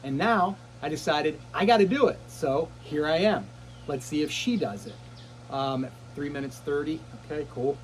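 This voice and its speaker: A man's voice: on the high side, moderate pace, slight background noise, poor audio. A middle-aged man sitting in ice cold water, short of breath, talking casually to camera in short phrases with puffs and exclamations. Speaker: vlogger. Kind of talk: casual self-talk to camera. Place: outdoors in a cold plunge barrel.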